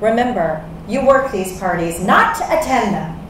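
A woman's voice: mid-range voice, animated, normal speed, natural voice. An actress on stage playing a vain, bossy woman who scolds her staff. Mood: haughty. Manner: haughty, scolding. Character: bossy, vain adult woman party manager. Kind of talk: stage musical acting. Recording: echoey stage with audience noise.

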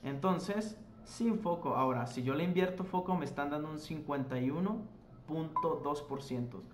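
A man's voice: on the high side, normal speed, over music. A man hosting a casual gameplay tutorial, chatting to his viewers and correcting himself as he explains. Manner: chatty, addresses viewers as "chicos", self-corrects while explaining. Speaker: gaming tutorial host. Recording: echoey room with faint noise.

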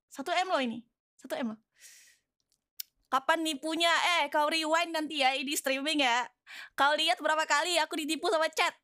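Very high voice, woman, flustered game streamer, bright and piercing, repeats words excitedly. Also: no echo, clean studio sound. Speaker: VTuber streamer. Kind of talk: live game stream chat, reacting to viewers.

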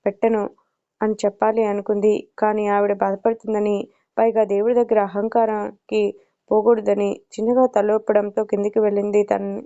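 A woman storyteller reading an audiobook in a steady, even way. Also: mid-range voice, moderate pace. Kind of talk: audiobook narration. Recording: dull lo-fi recording.

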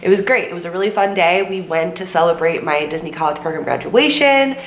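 A brisk, fairly low-pitched woman in her twenties records a casual storytime vlog while sick, her voice worn and her throat sore. Rambling and chatty, she uses lots of "like" and "um" and quotes herself. She sits indoors in a bedroom with bookshelves, facing a camera at desk distance, and the sound is roomy with a faint hum.

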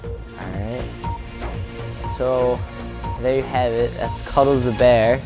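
A man's voice: mid-range voice, steady tone, takes it slowly, a little mellow, soft background music. A young man acting as a field reporter in a homemade comedy news spoof, asking questions with lots of hesitant fillers.

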